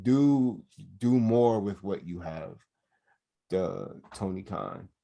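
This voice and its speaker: Low-voiced man chatting about wrestling. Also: takes it slowly, vocal fry, lo-fi sound. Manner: animated, mocking asides in a high put-on voice. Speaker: podcast co-host. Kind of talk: casual wrestling review chat.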